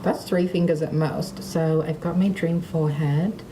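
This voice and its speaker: A woman's voice: sits low, steady tone, moderate pace, reverberant, background noise. A young woman in her twenties vlogging casually about her recovery, with a slight lisp and a self-mocking, chatty way of talking. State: slight lisp after surgery. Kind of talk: casual vlog narration.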